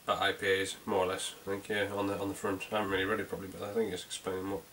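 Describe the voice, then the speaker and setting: Over a little background hiss or hum, this rapid-fire speaker from North Yorkshire, England, chats his way through a home-brewed beer review on video with friendly rambling, fillers and restarts. His pitch barely moves, and his slightly low voice sounds bright and forceful.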